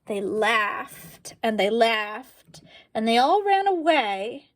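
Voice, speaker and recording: A woman reading a picture book aloud, slow and expressive, pausing to ask her listeners questions. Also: a little high, no room sound. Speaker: storyteller.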